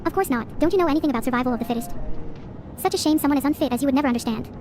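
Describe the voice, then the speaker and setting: A woman's voice: sits high, very animated, normal speed, noisy background. A synthetic woman's voice playing bickering AI twin sisters, snippy and rude.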